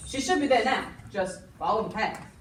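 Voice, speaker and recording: On an indoor school stage, a woman plays a chatty, folksy, matter-of-fact frontier shopkeeper in an amateur play, her voice fairly high and lively at normal speed, near her everyday tone. A distant audience camera picks her up from far off in an echoey, noisy hall.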